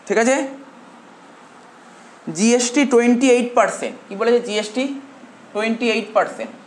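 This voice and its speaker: Male tutor dictating notes in a roomy classroom. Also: very high-pitched. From India. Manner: dictates slowly and repeats phrases, quizzing students. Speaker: commerce tutor. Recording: roomy classroom echo, faint hum.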